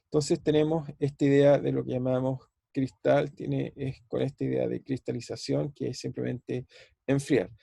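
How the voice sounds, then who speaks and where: A man's voice: medium pitch, little pitch movement, moderate pace, gravelly, mellow, husky, dry recording. A man teaching a university physics class over a video call, thinking aloud, repeating words and putting questions to his students. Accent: Chilean Spanish. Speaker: physics professor. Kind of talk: online university lecture.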